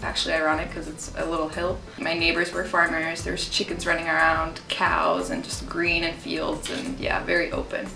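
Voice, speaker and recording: Bright-voiced young woman from Switzerland. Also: sits low, completely flat delivery, moderate pace, vocal fry, few pauses, faint music behind. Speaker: student. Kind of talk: interview testimonial. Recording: roomy echo.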